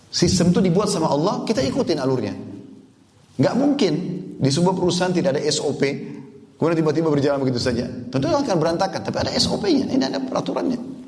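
A man's voice: on the high side, darkish tone. A male preacher giving a sermon, earnest, with many rhetorical questions to his listeners. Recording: echoey hall reverb.

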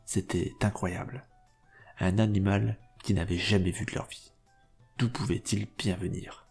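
Guest male narrator: husky, low, steady storytelling over faint music. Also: unhurried.

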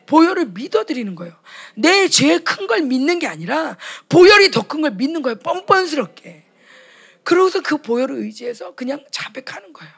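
A woman with a high-pitched, husky voice and vocal fry preaches a sermon at a retreat for pastors' wives. She speaks with passion and acts out short quoted dialogues.

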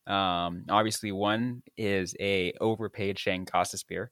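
A man hosting a casual sports podcast, talking in halting bits with many restarts. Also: low-pitched, fairly even intonation, a bit bright, dry recording, clean studio sound. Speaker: podcast host. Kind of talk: casual chat.

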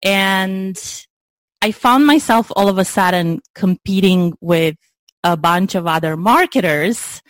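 A woman's voice: medium pitch, slow, dry recording. A woman, chatting as an interview guest, laughing easily and restarting her sentences. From Romania. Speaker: guest, LinkedIn branding consultant. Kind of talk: casual interview chat.

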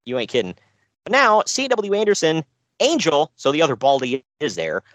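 A man's voice: fairly high pitch, huge pitch swings, moderate pace, fairly bright tone, dry recording. A man co-hosting a podcast, recapping a show with dry sarcasm and frequent laughs. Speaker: podcast co-host. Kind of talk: casual chat.

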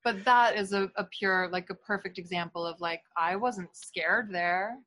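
A woman's voice: medium pitch, moderate pace, bright, forceful tone, dry recording. A woman hosting a casual conversation, thoughtful and hedging her words.

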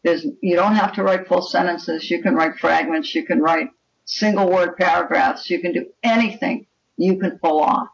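Speaking as an interview guest, an older writer and anthology editor gives forceful, opinionated answers in a gravelly, fairly low voice. She keeps a steady tone and ordinary speed, though the recording comes across a bit muffled and far away.

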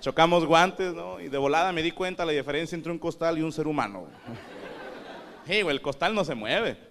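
A man's voice: a little high, animated, fairly quick, vocal fry, fairly bright tone, a little hiss or hum. A man with a northern Mexican accent delivering a crude, self-mocking stand-up comedy monologue. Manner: crude, self-mocking, acts out quoted voices.

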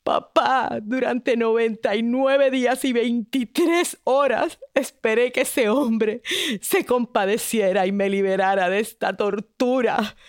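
A woman's voice: fairly high pitch, no room sound, clean studio sound. A woman voicing a weary resolute princess. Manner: solemn, earnest.

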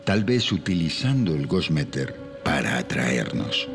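A man's voice: extremely low pitch, sing-song, a little slow, vocal fry. A man narrating a paranormal documentary in a grave, suspenseful tone. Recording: voice-over with background music.

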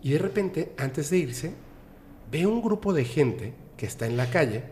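Un hombre con acento mexicano cuenta una anécdota de forma animada e informal, imitando las voces de la gente que cita. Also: male voice, fairly high pitch, measured pace, slight background noise. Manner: animated, acts out the people he quotes, laughs often. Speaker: podcast guest. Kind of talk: casual storytelling.

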